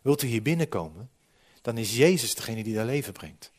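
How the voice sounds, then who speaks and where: Lively humorous preacher in his forties. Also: medium pitch, fairly quick, breathy edge. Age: 40s. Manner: lively, humorous, swings from loud to quiet. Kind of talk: sermon with slides.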